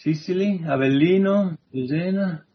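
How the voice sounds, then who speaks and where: A man's voice: high voice, lo-fi sound, slight background noise. A man giving an online introductory university lecture, hesitant and full of fillers. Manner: slow, hesitant, many fillers.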